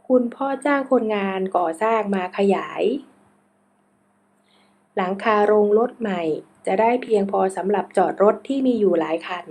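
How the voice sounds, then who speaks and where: A woman's voice: medium pitch, darkish tone. A woman teacher reading out exercise answers item by item, spelling out how each word is pronounced.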